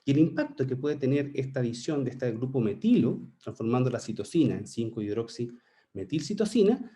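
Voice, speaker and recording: A man delivers a scientific lecture at a conference. His pitch rises and falls freely as he explains, and his tone is mellow and warm. He keeps checking in with his listeners and sometimes restarts a phrase. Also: sing-song, brisk. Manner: explanatory, with frequent rhetorical "¿cierto?" checks; occasional restarts and "eh" fillers. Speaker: conference speaker, researcher.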